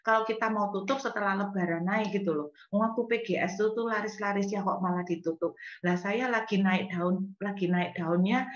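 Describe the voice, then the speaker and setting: A woman's voice: mid-range voice, moderate pace. A woman pastor preaching a sermon, telling a story with laughter and acted-out dialogue. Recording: roomy, dull lo-fi sound.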